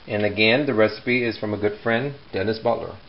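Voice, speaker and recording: A man hosting a casual home cooking demonstration, talking in unhurried short phrases with pauses. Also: on the low side, lo-fi sound. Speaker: home cooking show host. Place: home kitchen. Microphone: handheld camera mic, off screen. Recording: clear background noise, sizzling pan.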